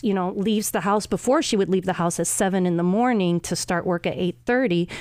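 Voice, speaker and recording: A middle-aged woman chatting casually as a show guest, halting often and padding her talk with asides. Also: mid-range voice, a little mellow, dry recording, studio quality. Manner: halting, with frequent 'you know' asides. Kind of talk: casual conversational chat.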